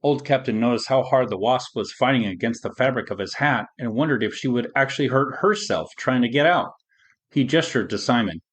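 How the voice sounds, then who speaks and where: Calm male storyteller. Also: mid-range voice, fairly quick. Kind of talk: children's story narration.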